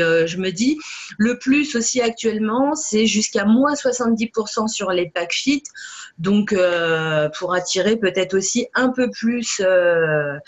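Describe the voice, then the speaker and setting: Hesitant woman, lots of fillers. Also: medium pitch. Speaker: network marketing distributor. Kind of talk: casual talk to camera.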